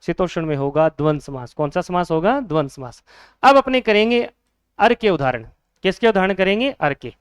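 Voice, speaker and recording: A man's voice: sits high, big pitch swings, normal speed, clear, resonant tone, no room sound, clean studio sound. A man teaching a Hindi grammar lesson for exam students, asking questions and answering them himself, repeating each key word.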